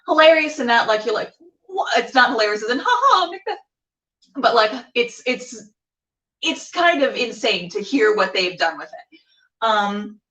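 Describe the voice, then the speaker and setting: A bubbly, theatrical web show host chats casually and pokes fun at herself while livestreaming from an indoor room with a door. She's picked up by a tripod-mounted camera a little distant from her, so her medium-pitched, fairly bright voice sounds far off and dull.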